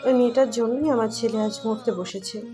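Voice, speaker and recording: A distraught middle-aged mother, put on by a woman narrator, her high voice scolding and accusing through tears. She speaks over faint music in a storybook drama. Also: brisk, dark tone, close to an everyday voice. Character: tearful angry middle-aged mother, blaming. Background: faint background music.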